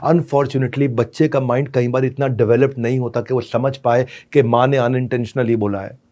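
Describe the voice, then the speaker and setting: A man giving a motivational parenting lecture as a business consultant. He talks dramatically, swinging between loud, scolding bursts and soft asides, and drops terms his talk. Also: mid-range voice, fairly even intonation, normal speed.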